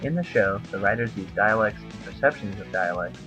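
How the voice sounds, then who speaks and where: A man's voice: on the low side, animated, a little fast, music in the background, rough recording. A young man presenting a class video essay, reading aloud plainly with small slips and fillers. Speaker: student presenter.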